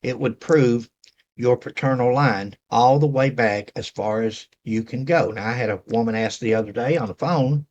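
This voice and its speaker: A man's voice: medium pitch, normal speed, darkish tone, dull audio. Folksy man with an Appalachian accent. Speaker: host. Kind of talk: casual talk to viewers, reading messages aloud.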